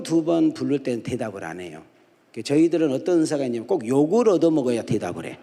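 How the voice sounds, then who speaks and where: A middle-aged guest pastor delivers a humorous, story-driven sermon at a dawn prayer service in a large church sanctuary, quizzing the congregation with call-and-response questions. His voice is on the high side, creaky and mellow. The church hall adds echoey reverb.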